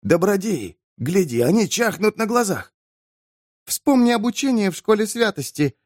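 A man voicing a young male preacher who lectures and rouses a crowd in a high, excitable voice. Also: moderate pace, no echo, studio quality. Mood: lecturing. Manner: preaching, rousing, high-strung.

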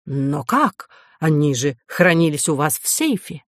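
A woman's voice: deep voice, very animated, a little slow, no room sound, clean studio sound. A woman voicing a polite, self-assured young male swindler who talks with easy courtesy. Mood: smooth.

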